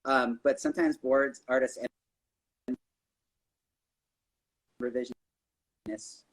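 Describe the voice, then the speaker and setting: A man, a guest animation storyboard artist, chatting casually over a video call from an older phone. His audio is glitchy and keeps cutting out, and he repeats words in a halting way. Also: medium pitch, fairly even intonation, rough recording. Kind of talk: casual interview chat.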